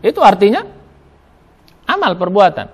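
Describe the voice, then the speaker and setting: With a sing-song, breathy-edged delivery at a moderate pace, a preacher from Indonesia gives a Ramadan sermon in a mosque. His high voice leaps as he emphasizes points, spelling Arabic letters individually and posing questions he then answers himself.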